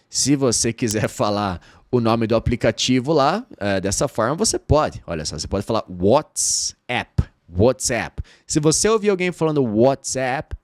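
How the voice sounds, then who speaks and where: A Brazilian man with Portuguese as his first language, teaching an online English lesson and drilling phrases slowly with repetition. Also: medium pitch, no echo, studio quality. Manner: lively, drills phrases slowly and repeats them.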